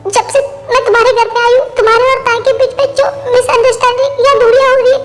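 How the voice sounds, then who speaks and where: A woman's voice: very high-pitched, little pitch movement, a little fast, soft background music. A woman voicing a remorseful young woman who pleads through tears in a fan-dubbed drama. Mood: pleading. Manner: pleading, apologetic. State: crying. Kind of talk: Hindi fan-dub voice acting.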